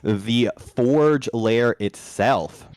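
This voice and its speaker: A man running a tabletop game as game master over voice chat. His mic is too loud and clips, so the sound is distorted. He gives dramatic recaps and banters casually with his players. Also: mid-range voice, very slow, no room sound, clean studio sound. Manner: dramatic recap narration, relaxed banter between. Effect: loud clipping, distorted mic. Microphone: home computer mic on voice chat.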